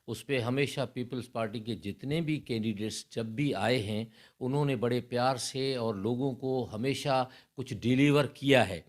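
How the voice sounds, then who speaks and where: A man speaking as an election candidate in an interview, assured and persuasive. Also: mid-range voice. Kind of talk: interview answers.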